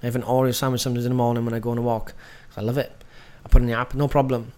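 Brief: man, nutrition coach, mid-pitched, direct and emphatic teaching. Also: flat delivery, very fast, a little mellow. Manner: emphatic, direct, keeps asking "right?". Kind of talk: coaching lesson.

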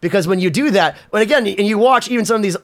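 A man's voice: high-pitched, fast talker. A man co-hosting a podcast, telling stories and joking in casual banter. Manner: animated storyteller, joking. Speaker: podcast co-host.

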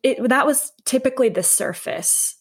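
A young adult woman speaks in a relaxed conversational interview. She is reflective and circles her points, with lots of fillers and restarts. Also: high voice, moderate pace, breathy edge. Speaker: podcast guest, health coach.

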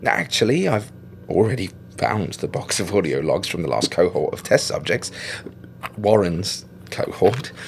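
An actor playing a chatty caretaker who talks to himself, with muttered and whispered asides. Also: male voice, low voice, big pitch swings, unhurried, vocal fry, slight background noise, full character voice. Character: chatty male caretaker archiving logs.

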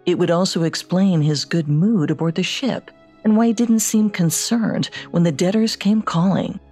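A woman co-hosting a podcast, reading scripted true-crime narration with measured storytelling delivery. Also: on the low side, mellow, husky, faint music behind. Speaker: podcast co-host.

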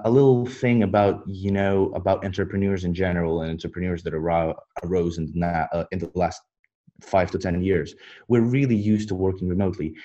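A man talking like a tech bro as he pitches his startup in a podcast interview, halting and repeating words, on dull lo-fi audio. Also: mellow. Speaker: startup founder, interview guest.

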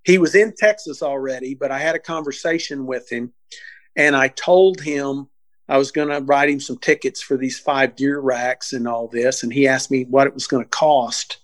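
A man being interviewed, telling a case story in a casual, animated way, acting out what people said, with frequent restarts. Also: medium pitch, moderate pace, no room sound.

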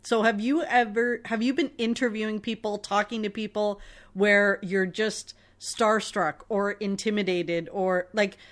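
Female podcast co-host, easygoing, curious questions, quick to giggle. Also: medium pitch, steady tone. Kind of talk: casual interview chat.

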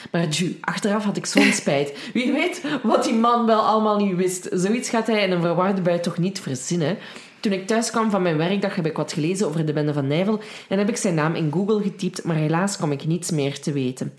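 Flemish woman reading mail in a roomy echo. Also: fairly low pitch. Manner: lively reading, laughing between sentences. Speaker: podcast co-host. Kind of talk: reading a listener's email aloud.

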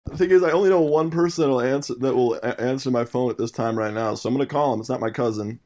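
A man heard played back through a phone speaker, talking in a quick, offhand way. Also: medium pitch, darkish tone. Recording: noisy, tinny phone playback.

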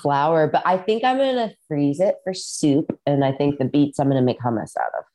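A Midwestern woman, a musician appearing as a guest, talks casually over a video call from a farmhouse in rural Iowa. She tells rambling, filler-heavy stories packed with "like"s. Her voice sits low and is expressive and mellow, at a moderate pace.

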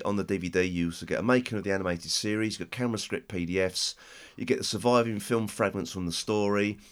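A British man chats as a podcast host in a low voice. He is croaky and hoarse with a chest cold. His delivery is halting and rambling, with a casual feel.

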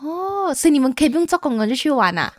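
A woman's voice: sits high, sing-song, fast, no room sound. A woman with a Malaysian Mandarin accent chatting casually as a podcast co-host, mixing in English words. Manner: mixes English words into speech. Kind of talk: casual chat.

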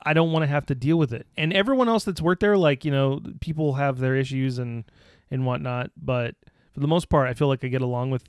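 A man's voice: mid-range voice, brisk, smooth, dry recording, studio quality. An easygoing man in casual conversation, telling personal stories with jokes and some swearing. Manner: easygoing storyteller, joking, profane. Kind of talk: casual podcast chat.

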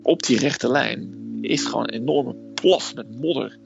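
Guy with a really rough gravelly voice telling a story, lots of ehs, a bit muffled. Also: medium pitch, unhurried, music in the background. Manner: hesitant storytelling, frequent "eh" fillers. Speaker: guest telling a personal story. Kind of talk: casual spoken storytelling.

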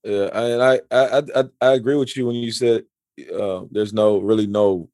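A man's voice: lowish voice, fairly even intonation, darkish tone, dry recording, clean studio sound. A man in his forties chatting casually, often stumbling and restarting his sentences. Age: 40s. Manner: halting, repeats words and restarts often. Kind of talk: casual chat.

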